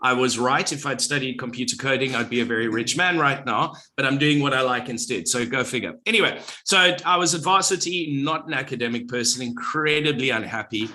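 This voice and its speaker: A man's voice: medium pitch, fairly quick, hardly any pauses, sharp tone. A middle-aged man, a former radio presenter, speaking as a guest on a podcast in a confident, well-projected delivery. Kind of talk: podcast interview.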